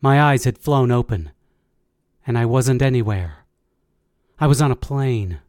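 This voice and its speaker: A man reading a first-person audiobook in a measured, steady way. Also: mid-range voice, dry recording, clean studio sound. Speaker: audiobook narrator.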